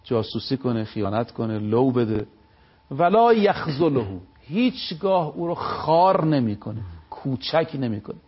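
A man giving a religious talk on a live TV program. He tells moral stories and recites sayings slowly, stressing each word. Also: medium pitch, husky, dull audio. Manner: preaching, storytelling, slow stressed recitation of sayings. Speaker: religious speaker.

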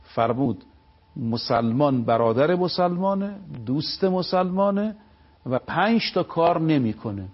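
A man giving a religious talk on a live TV program. He tells moral stories and recites sayings slowly, stressing each word. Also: fairly high pitch, expressive, breathy edge, highs cut off. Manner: preaching, storytelling, slow stressed recitation of sayings. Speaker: religious speaker.

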